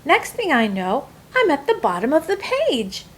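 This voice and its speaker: With a high voice, a woman performs a children's picture book aloud, her delivery expressive and storybook-like. She phrases each line with care.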